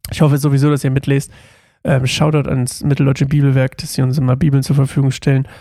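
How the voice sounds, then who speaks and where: A man reads a Bible passage aloud and then talks it over casually, stumbling and restarting here and there. His voice is warm and soft-toned with a gravelly fry. The recording is close and dry, with no room sound. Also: medium pitch, monotone, fast, no echo. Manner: reads steadily with small slips and restarts, then talks loosely with fillers. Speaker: Bible reading podcast host.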